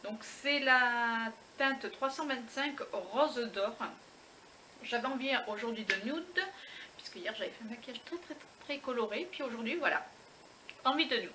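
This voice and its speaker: A woman's voice: fairly high pitch, noisy background. A woman vlogger chatting casually as she unboxes a beauty box, full of fillers, restarts and little exclamations.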